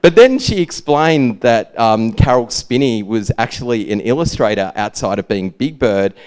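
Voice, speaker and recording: With a mid-range, slightly dark and clean-sounding voice, the man grows animated while keeping a moderate pace. His laid-back Australian drawl carries an informal, wandering presentation of his own work.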